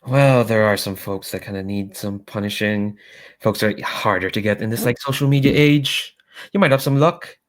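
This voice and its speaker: A man's voice: on the low side, moderate pace, lightly acted. A man voicing a weary, gossipy goddess of rumor in a tabletop game, with sighs and casual, hesitant phrasing. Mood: dry, scheming. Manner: sighing, hesitant, colloquial.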